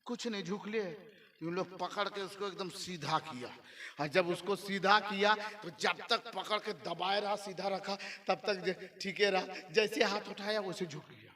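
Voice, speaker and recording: A man preaches in a humorous storytelling style, his voice high and sharply bright. He acts out the characters and punches the jokes loudly. The voice sounds distant from the microphone. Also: fairly even intonation, measured pace. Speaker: preacher at a religious gathering. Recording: voice picked up from a distance.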